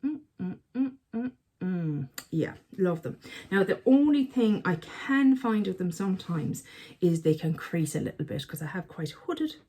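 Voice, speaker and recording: Lady rambling away to camera, pokes fun at herself, lowish voice. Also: moderate pace, mellow, husky. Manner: chatty, self-mocking, talks to herself. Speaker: beauty vlogger. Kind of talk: casual chat to camera. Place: at home by a counter.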